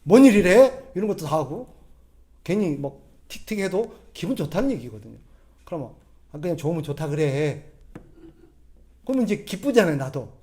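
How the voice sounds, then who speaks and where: Male pastor, high voice, conversational sermon full of questions to the congregation. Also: very animated, a little fast, pauses often, a little mellow. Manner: acts out quoted voices in a gruff tone.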